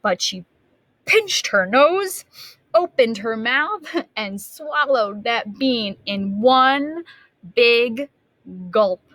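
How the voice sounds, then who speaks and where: Slightly high in pitch, a woman teacher reads a storybook to young kids, heard on a dry and rough-sounding recording. She stops to pose questions to them, gasping dramatically and lingering on words for emphasis.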